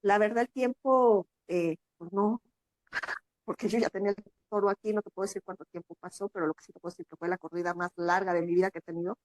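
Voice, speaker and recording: A woman's voice: quick pace, no echo. A woman from Mexico with a Mexican accent, a guest telling a long personal story in an interview and acting out the voices of people in it. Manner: animated, acts out quoted voices in a higher pitch.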